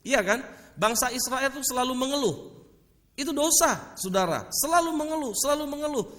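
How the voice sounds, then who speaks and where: Man, preacher, lively swinging delivery, reverberant hall. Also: brisk. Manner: addresses the congregation often as "saudara", animated swings in pitch and loudness. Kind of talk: sermon. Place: church hall.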